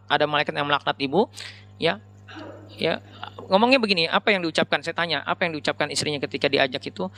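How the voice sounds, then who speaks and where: A man's voice: high voice, bright, forceful tone. A man giving a conversational religious lecture, talking straight to the men and women in front of him. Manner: chatty, addresses audience directly as Pak and Bu. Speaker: Islamic preacher.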